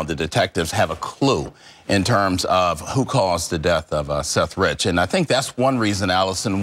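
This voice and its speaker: A middle-aged man and former homicide detective, answering questions as a guest on a TV news show in a measured, emphatic way. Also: fairly low pitch, fairly bright tone. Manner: measured, emphatic, repeats key words. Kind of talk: TV news interview. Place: TV studio.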